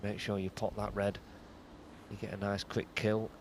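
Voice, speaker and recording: Low-voiced man, hushed snooker commentary. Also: flat delivery, normal speed, slight background noise. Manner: understated, conversational, analytical.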